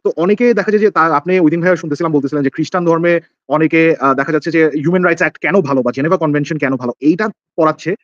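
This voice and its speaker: A man's voice: fairly high pitch, no room sound, dull audio. A man interviewing his guest in a polite, hedging way, filling his questions with small affirmations. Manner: polite, hedging, fills pauses with "mane" and "right".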